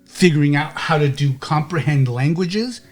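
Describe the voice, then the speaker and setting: A male game master with a higher voice who narrates loosely and keeps checking in. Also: expressive, normal speed, faint music behind. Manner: rambling, with many restarts and "okay?" checks.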